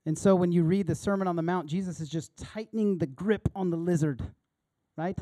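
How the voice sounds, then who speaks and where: Impassioned preacher with a mellow voice. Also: male voice, high-pitched, brisk, dry recording. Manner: emphatic, impassioned, often loud. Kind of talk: sermon.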